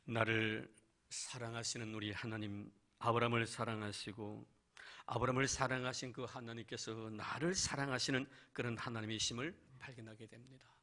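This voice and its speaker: A man's voice: mid-range voice, steady tone, normal speed, sharp tone. A male pastor preaching a sermon in church, asking rhetorical questions and addressing the congregation directly.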